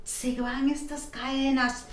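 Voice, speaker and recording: A woman voicing a fervent Pentecostal woman who prays over someone in a slow, hushed, whispery voice. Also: high-pitched, level tone, far from the mic. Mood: solemn. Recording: echoey room.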